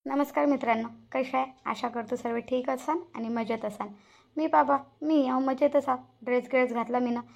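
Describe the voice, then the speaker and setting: A woman's voice: sits high, fairly even intonation, moderate pace, creaky, a little mellow. A woman voicing a touchy elderly village woman in a cartoon, indignant and scolding. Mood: chatty. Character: touchy elderly village woman Shantabai, proud of her dress. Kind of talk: cartoon voice acting.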